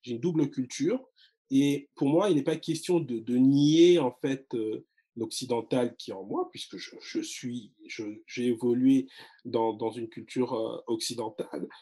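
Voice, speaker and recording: Hesitant man with a mellow voice. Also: mid-range voice, unhurried, breathy edge. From France and Congo-Brazzaville. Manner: hesitant, many fillers and restarts. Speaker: guest, literary blogger. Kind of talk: casual interview talk.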